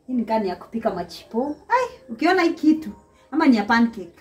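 Over background music, a young Kenyan woman with a Kenyan accent leads a quick-paced tour of her small apartment and balcony, filmed on a handheld phone. Her voice is on the high side; she laughs a lot, addresses viewers directly and mixes English with Swahili.

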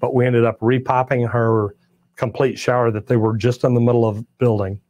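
Hosting a casual livestream, an older Texan master plumber answers chat questions in a folksy, plainspoken drawl, telling stories along the way. His medium-pitched voice is darkish and flat, at a moderate pace, in a dry recording. He sits on a studio set of tool and merch shelves, wearing a clip-on lapel mic.

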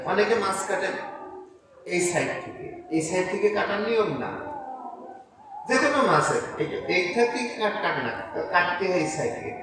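A man giving an informal sermon as an Islamic preacher, talking conversationally and putting rhetorical questions straight to his listeners. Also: high-pitched. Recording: echoey, distant mic with loud background noise.

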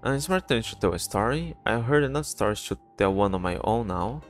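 A man reading the lines of an earnest, gentle little girl telling a story, with hesitant restarts and faint game music behind. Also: fairly low pitch, expressive, brisk, natural voice.

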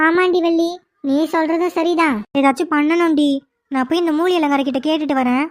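A performer voicing a loyal, excitable young woman friend in a cartoon, brash and reassuring. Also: high voice, fairly quick, close to an everyday voice. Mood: agreeing. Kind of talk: cartoon voice acting.

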